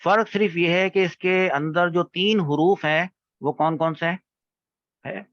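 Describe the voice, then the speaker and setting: A man's voice: sits high, steady tone, a bit bright, dry recording. A man teaching an online grammar class over a video call, patiently quizzing students step by step. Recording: dull, dry online call audio.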